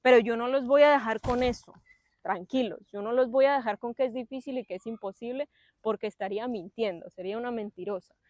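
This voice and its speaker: A young woman preaching in a church service with a fairly high voice. She talks in a lively, chatty way, adding playful asides and acting out her listeners' voices. The sound is close and dry. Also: a little fast, no echo. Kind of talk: sermon.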